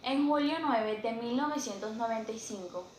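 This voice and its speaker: A woman with a fairly high voice reads her script firmly and briskly. The room is echoey, with faint noise underneath. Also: a little mellow. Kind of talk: scripted reading.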